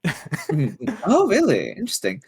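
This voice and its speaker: A player in a tabletop role-play game talks in character, stalling with fillers and fumbling words. The voice swings up and down a lot in pitch. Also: wildly swooping pitch, moderate pace, darkish tone, breathy edge, dry recording, studio quality.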